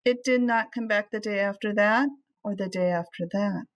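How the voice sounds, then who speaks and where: In a muffled recording, a middle-aged woman with a medium-pitched voice reads a children's storybook. She is expressive and phrases things in a measured, deliberate, teacherly way.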